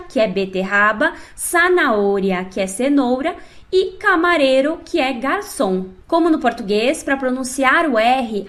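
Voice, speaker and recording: High-voiced woman teaching a lesson. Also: fairly bright tone. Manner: clear, instructive, speaks directly to the learner. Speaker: Spanish teacher. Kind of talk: scripted online lesson.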